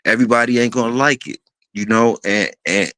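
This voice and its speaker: A host in his fifties leads a casual talk in a relaxed, rambling style, full of fillers and restarts, and he often clears his throat. His medium-pitched voice is fairly quick, pushed and bright, and the recording is dry.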